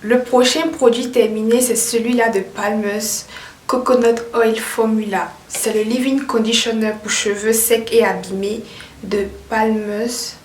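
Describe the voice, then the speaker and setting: Speaking a little slowly in a slightly high, fairly even tone, an upbeat woman casually reviews hair care products as a vlogger and repeats herself. The echoey room and distant mic give her voice a heavy echo, and a little hiss or hum can be heard.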